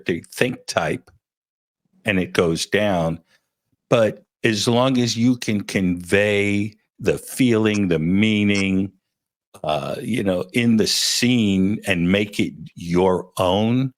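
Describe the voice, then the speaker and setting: A man's voice: fairly low pitch, slow, no echo, clean studio sound. A man hosting a casual interview, chatty and joking as he thinks aloud. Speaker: interview host.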